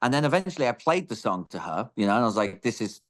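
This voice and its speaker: Young man, interview guest, lively swooping pitch, laughing, stumbling restarts. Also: fast. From born in Greece, raised in England. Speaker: interviewed musician. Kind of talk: casual interview chat.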